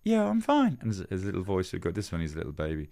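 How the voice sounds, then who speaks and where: A man with a very low voice hosts a relaxed podcast chat at the microphone. He rambles, restarting sentences and repeating words as he goes. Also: very fast, gravelly, no room sound, studio quality. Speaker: podcast host. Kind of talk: casual chat.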